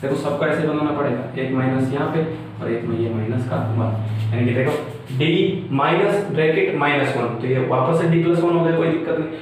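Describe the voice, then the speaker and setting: A young man explains a math problem step by step, often pausing to check that his students follow. His slightly raised voice comes from some distance off the mic. The room around him is very echoey, with a faint hiss underneath. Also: on the high side. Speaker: math teacher. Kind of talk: whiteboard math lecture.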